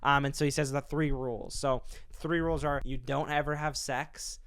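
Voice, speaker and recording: Chatty young man, smooth voice. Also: mid-range voice, moderate pace, no echo, studio quality. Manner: excited, chatty, fills talk with "like". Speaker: co-host. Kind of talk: casual chat.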